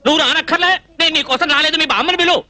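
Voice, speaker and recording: An actor playing a fussy, naive young male cook in a dubbed film comedy, scolding in quick animated bursts. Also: very high-pitched, dry recording, heavily acted. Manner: rapid scolding chatter, animated. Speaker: film character.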